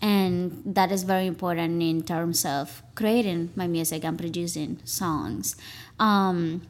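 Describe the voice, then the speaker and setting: A woman's voice: lowish voice, steady tone, measured pace. A woman from Colombia, a DJ and music producer, answering interview questions in an easygoing, casual way with many "you know" fillers.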